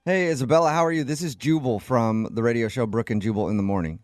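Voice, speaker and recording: A man's voice: mid-range voice, fast, dry recording, clean studio sound. A man hosting a morning radio show, teasing and laughing on a call to a listener. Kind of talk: radio prank-style phone call. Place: radio studio.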